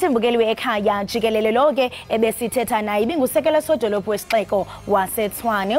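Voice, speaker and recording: A woman's voice: medium pitch, a little mellow. A woman with a Xhosa South African accent, hosting and interviewing on a television morning show. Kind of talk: broadcast interview and presenting.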